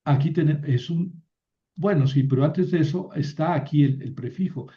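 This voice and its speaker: A man teaching a biblical Hebrew class, explaining slowly with many fillers and restarts. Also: fairly high pitch, lo-fi sound. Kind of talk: online class lecture.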